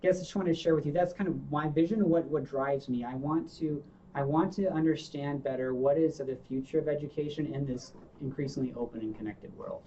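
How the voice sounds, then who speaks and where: A man giving an earnest, reflective talk to a seminar, pausing and restarting his sentences. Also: fairly high pitch, noisy background. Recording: distant muffled room recording.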